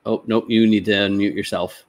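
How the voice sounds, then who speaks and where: A man hosting a webinar over a video call, relaxed and a little hesitant, repeating words. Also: fairly low pitch, brisk. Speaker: webinar host. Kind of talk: casual hosting.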